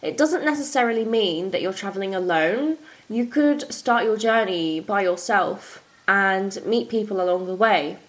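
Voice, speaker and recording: A young woman presents a podcast in the manner of an upbeat morning show host. Her voice sits at a middle pitch. She explains things informally and conversationally. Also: moderate pace, hardly any pauses, low-quality recording. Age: young adult.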